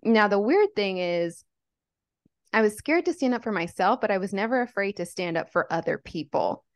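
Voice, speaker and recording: This young Lebanese woman's medium-pitched voice is animated, moving at a moderate pace in a recording with no room sound. As a podcast guest she tells her story candidly, earnest and reflective, with frequent "like" fillers.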